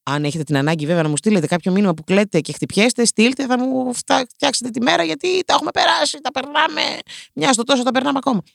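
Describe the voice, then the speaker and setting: A woman's voice: fairly high pitch, gravelly, no room sound, clean studio sound. A woman hosting a podcast, delivering a comedic, sarcastic rant straight to her listeners, swearing casually and poking fun at herself. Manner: self-mocking, addresses listeners directly. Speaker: podcast host.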